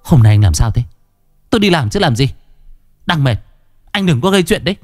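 Male reader doing scornful young wife, high shrill retorts, storybook horror. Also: racing, dark tone, soft background music, lightly acted. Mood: irritated. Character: defiant, contemptuous young wife who shrieks back.

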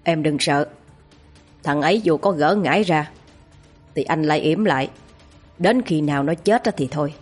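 A woman's voice: low-pitched, normal speed, long pauses, breathy edge, faint music behind. A woman voicing a scheming, smug middle-aged male sorcerer who coaxes in a sinister way. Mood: coaxing. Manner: coaxing, sinister.

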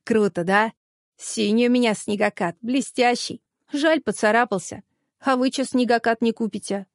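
A woman voicing a boastful schoolboy show-off who brags and talks quickly, reading a storybook aloud. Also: on the high side, no room sound, studio quality, natural voice. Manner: bragging, fast-talking.

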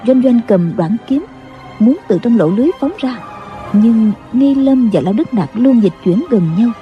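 A woman narrating a martial-arts audiobook in a steady storytelling manner. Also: a little high, dull audio. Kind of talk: scripted narration. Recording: with background music.

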